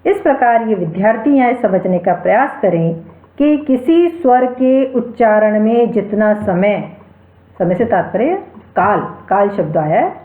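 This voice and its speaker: A woman giving a measured grammar lecture. She talks very slowly and repeats each term as she sounds it out. Her voice comes through a tinny, phone-like line with a lot of room echo. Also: mid-range voice, expressive. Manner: spells out sounds and sutras, repeats key terms. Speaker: Sanskrit lecturer. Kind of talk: slow explanatory lecture.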